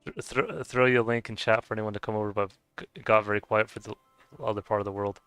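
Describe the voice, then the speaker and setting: This fast-talking streamer has a fairly low, fairly even voice with a clear, resonant, fairly bright tone. He chats casually with viewers over a game, hesitating and chuckling as he fumbles names. The close mic is dry with no echo and faint music underneath.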